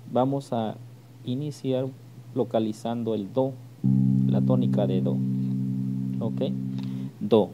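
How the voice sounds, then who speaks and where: Brief: Mexican man, bass teacher, unhurried, mid-pitched, patient tutorial delivery, loud bass playing underneath. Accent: Mexican Spanish. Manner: patient, repeats "¿ok?" to check understanding. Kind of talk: step-by-step music tutorial.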